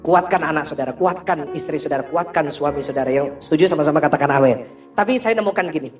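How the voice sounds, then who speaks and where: A man preaching a sermon as senior pastor, animated and joking as he talks straight to the congregation. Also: fairly high pitch, fast, faint music behind.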